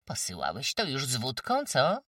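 A man voicing a fierce, domineering old peasant mother who scolds in shrill shouts. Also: wildly swooping pitch, moderate pace, no room sound, studio quality, recorded from a distance. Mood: mocking.

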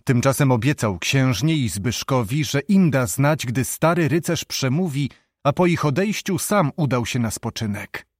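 A man narrating a historical novel in a measured, steady storytelling voice. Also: mid-range voice, dry recording. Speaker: audiobook narrator. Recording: dry close studio sound.

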